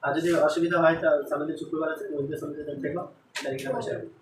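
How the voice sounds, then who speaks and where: A man's voice: on the high side, flat delivery, very fast, recorded from a distance, a little hiss or hum. A male tutor teaching an English lesson in a classroom, explaining line by line and quizzing the class. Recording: roomy classroom taped from afar.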